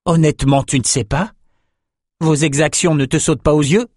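A man's voice: a little high, fairly even intonation, normal speed, darkish tone, no room sound, clean studio sound, pitched above the performer's own voice, lightly acted. A man voicing a young captive swordsman, curt, hostile and weary, in an audiobook. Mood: bitter defiant. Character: young male captive swordsman, bitter and defiant. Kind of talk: audiobook character voice.

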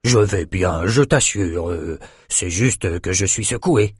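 A man's voice: breathy edge, no room sound, clean studio sound, full character voice. A man doing a weary old wounded wizard. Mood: shaken, weary. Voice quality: low, slow and weary. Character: wounded old male wizard mentor, shaken. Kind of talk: audiobook character voice.

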